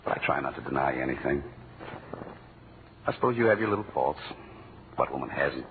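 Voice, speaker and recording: An actor playing a griping, hard-up husband with a soft heart in a 1940s-style radio comedy, his sarcastic grumbling turning tender. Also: mid-range voice, big pitch swings, moderate pace, lightly acted. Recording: tinny, hissy old radio broadcast.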